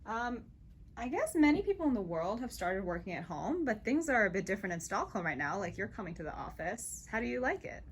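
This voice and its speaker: A woman interviewer with a lively, swinging voice asks short, friendly questions and reacts upbeat to each answer. Her pitch sits in the middle and moves a lot. Faint noise hums underneath. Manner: upbeat, quick reactions like "cool" and "awesome". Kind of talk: casual interview.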